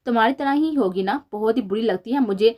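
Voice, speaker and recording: A woman's voice: fairly high pitch, dark tone, lightly acted. A woman reading the lines of a middle-aged mother who scolds her son in an indignant way. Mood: scolding. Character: middle-aged mother, sharp-tongued and angry.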